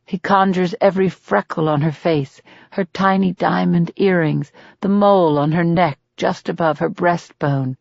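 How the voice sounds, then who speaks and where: Audiobook reader, woman, unhurried steady delivery, dark thriller narration, dry close sound. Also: lowish voice, dry recording, highs cut off. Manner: measured, steady and deliberate reading.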